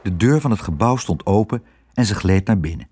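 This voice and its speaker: Husky-voiced man reading a story. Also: fairly low pitch, fairly quick. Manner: expressive reading. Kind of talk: audiobook narration.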